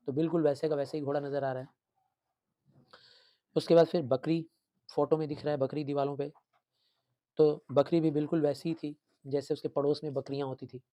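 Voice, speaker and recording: A male teacher retelling a story for his students in an animated, repetitive way. His voice sits a touch high, yet it sounds dark and mellow. He keeps mixing in English words. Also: dry recording. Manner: animated storytelling, code-switching, repeating for emphasis.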